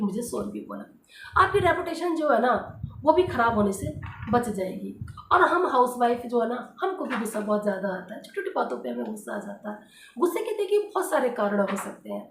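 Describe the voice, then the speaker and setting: A woman's voice: on the high side, slight background noise. A woman, a housewife, gives earnest, casual advice straight to her viewers, repeating her points and leaning on small fillers. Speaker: housewife vlogger giving advice. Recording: roomy echo.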